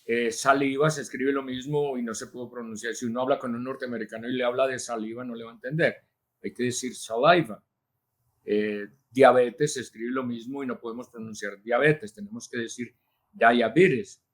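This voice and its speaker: Man, interview guest, teacherly, measured, hesitant fillers. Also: medium pitch, steady tone. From Colombia. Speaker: linguist and journalist, interview guest. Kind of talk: explanatory interview answers.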